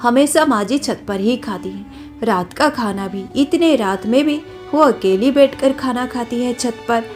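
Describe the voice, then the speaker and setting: A woman's voice: on the high side, a little slow, faint music behind, natural voice. A young woman voicing a caring, coaxing daughter-in-law in a cartoon story. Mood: sweet.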